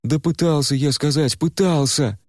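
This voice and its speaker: A man voicing a protective male fire spirit in a measured, steady way. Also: fairly high pitch, no room sound, studio quality, voice pushed up, lightly acted. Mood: exasperated. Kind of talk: audiobook character voice.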